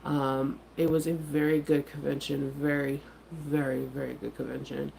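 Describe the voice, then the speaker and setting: Her low-pitched voice is level, gravelly and a little mellow at normal speed as this middle-aged vlogger and craft vendor rambles chattily through a casual morning chat, full of fillers. A head cold leaves her sounding congested, and the low-quality recording has slight hiss or hum.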